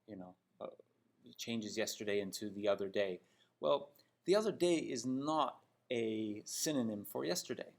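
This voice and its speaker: This English teacher from Toronto has a creaky, lowish voice with lively intonation and a moderate pace. In a Canadian accent, he works through example sentences emphatically and didactically, frequently pausing to check in with questions.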